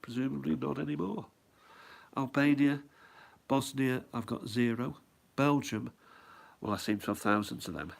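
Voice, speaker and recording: This middle-aged man, gravelly and lowish in voice, has a head cold and chats at home about his stamp album. His show-and-tell meanders as he muses out loud and puts questions to himself.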